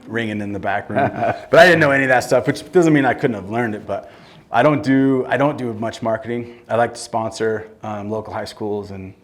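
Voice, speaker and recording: A middle-aged man speaks in a fairly low voice, plain and blunt, as a guest in an on-stage interview. He often breaks off and restarts his sentences. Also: brisk. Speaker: construction company owner, guest. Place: event room with audience.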